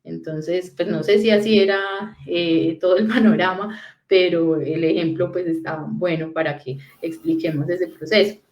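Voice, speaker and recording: A woman's voice: lowish voice, fairly even intonation, moderate pace, darkish tone, reverberant. A woman patiently explaining how to talk to small children, often checking that she is understood. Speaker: parenting talk guest. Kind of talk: conversational talk on parenting.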